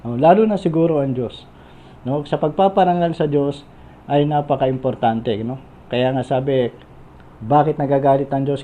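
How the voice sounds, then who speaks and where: Male preacher, warm mellow tone, chatty sermon full of tag questions, faint hiss behind. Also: mid-range voice. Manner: conversational, frequent "no?" and filler pauses.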